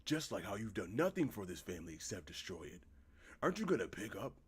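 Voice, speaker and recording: A bitter, betrayed wife pours out her anger in a game scene, read aloud by a man. The delivery swings widely in pitch and runs hot with feeling. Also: big pitch swings, fast, breathy edge, heavily acted. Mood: furious.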